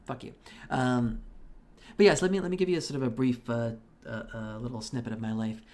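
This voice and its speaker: With a fairly quick pace and fairly even intonation, a native Russian-speaking man from Belarus talks casually over his gaming stream. His mid-range voice has a slightly mellow quality, and his chatter is profane, meandering, and full of restarts.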